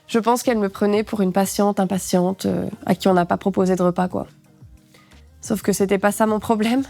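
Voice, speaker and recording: A woman's voice: medium pitch, fairly quick, gravelly, soft background music. A woman vlogger telling a personal story with lots of energy, acting out the dialogue. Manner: animated, acts out dialogue. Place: studio.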